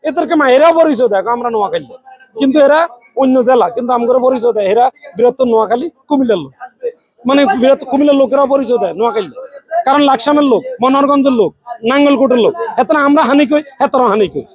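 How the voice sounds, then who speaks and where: A man's voice: extremely high pitch, rapid-fire, a little mellow, breathy edge, no echo. A man from Noakhali speaking with a Noakhali Bengali accent in a street interview, proudly rambling through lists of names and places. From Noakhali, Bangladesh.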